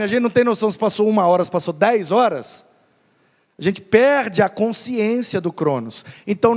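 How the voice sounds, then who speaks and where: Brief: Brazilian man, very high voice, teaching Bible class, long hall reverb. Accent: Brazilian Portuguese. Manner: lively, storytelling, rhetorical questions. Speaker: pastor teaching Sunday Bible school.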